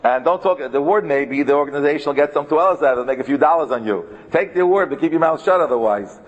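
A man's voice: a little high, fast talker. A man giving an informal, colloquial religious lecture, repeating phrases for emphasis and mixing in Hebrew and Yiddish terms. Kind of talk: informal sermon with acted-out imagined quotes. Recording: muffled, echoing hall.

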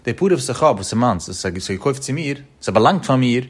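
A man delivers a Talmud study lecture at a rapid clip. His voice is husky and a little breathy. He carries the reasoning in a chanting, sing-song study-hall intonation with wide swings in pitch. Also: expressive. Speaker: Talmud teacher.

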